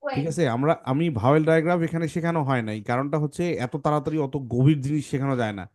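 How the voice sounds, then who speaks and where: A man's voice: a little high, racing, darkish tone. A man teaching English phonics to a children's class, patiently correcting pronunciation sound by sound.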